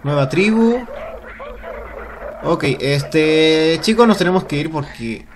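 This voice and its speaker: Excitable man whooping through game commentary. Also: on the high side, takes it slowly, slight background noise. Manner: exclamatory, whooping, cheering at the game; reads on-screen game text aloud. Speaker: let's play gamer.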